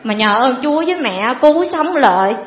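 A woman's voice: sits high, lively intonation. A woman, giving a rambling, earnest personal testimony to a priest. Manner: rambling, earnest, fills pauses with "cái" and calls the priest "cha". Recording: echoey, dull hall sound.

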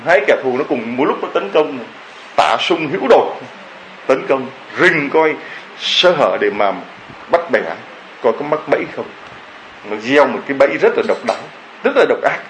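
A man's voice: a little high, fairly bright tone, slight background noise, rough recording. A man preaching a homily, telling a story and firing off rhetorical questions to the congregation.

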